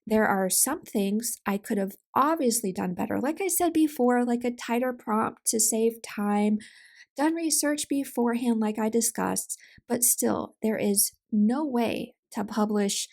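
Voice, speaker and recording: A woman's voice: on the high side, measured pace, gravelly, a little mellow. A woman talking casually to camera about self-publishing, chatty, with asides and self-corrections. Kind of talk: casual talking-head advice.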